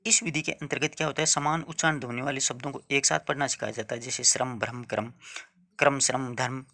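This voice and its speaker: Bright-voiced man teaching exam lessons. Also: medium pitch, fairly even intonation, fast talker, gravelly. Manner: explains step by step, repeats points, checks understanding. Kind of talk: exam-prep lecture.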